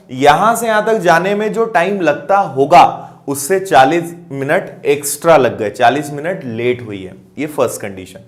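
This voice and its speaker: A man teaching maths, explaining word problems step by step and checking that students follow. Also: on the high side. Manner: explanatory, checks understanding with questions. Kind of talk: explaining math problems on a board.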